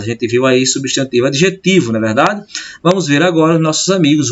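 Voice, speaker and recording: Teacher guy doing a video lesson, kinda high voice, keeps asking tá certo, muffled lo-fi audio. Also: a bit bright. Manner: explains step by step, checking in with "tá certo?". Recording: dull lo-fi sound with faint noise.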